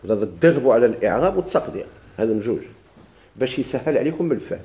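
A man's voice: mid-range voice, very animated, rapid-fire, dark tone. A man with a Moroccan Arabic accent teaching a grammar lesson, asking his class questions and answering them himself while he repeats the key points.

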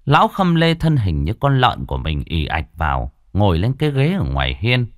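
Expressive male storyteller. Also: lowish voice, normal speed, no room sound, studio quality. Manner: expressive, colloquial. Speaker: audiobook narrator. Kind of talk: storytelling narration.

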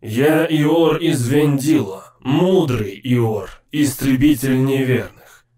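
A man's voice: medium pitch, takes it slowly, warm tone, roomy sound, close to an everyday voice. Man playing a proud ghost warrior. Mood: boastful. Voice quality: solemn, boastful.

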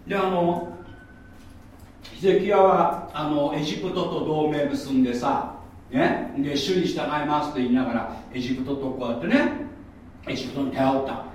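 A man preaching a sermon as a pastor, in a chatty, lively storytelling manner with mocking asides. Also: on the high side, normal speed, a little hiss or hum. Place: church hall. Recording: echoey room from far off.

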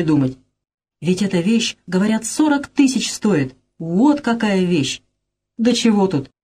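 A woman's voice: medium pitch, mellow, slightly rough. A woman voicing a panicky, scheming middle-aged male swindler in a dramatized reading of a play, who exclaims and wails in a frantic way.

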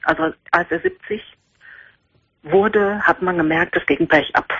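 Soft-spoken woman in her forties on a phone line. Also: on the low side, very animated, a little slow, no room sound. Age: 40s. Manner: quiet, speaks softly so as not to wake her family. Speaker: caller. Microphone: telephone. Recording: husky phone line into a radio show.

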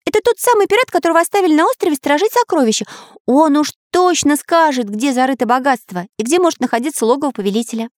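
A woman voicing a cheerful, excitable young artist for a storybook, pitched high and bouncing all over, crisp and dry with no room around him. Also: no echo. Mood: eager. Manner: high, eager and quick.

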